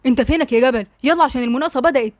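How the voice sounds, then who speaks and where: A woman's voice: high voice, rapid-fire, no echo, natural voice. A woman with an Egyptian accent voicing a worried young businessman, urgent and fretful. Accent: Egyptian Arabic.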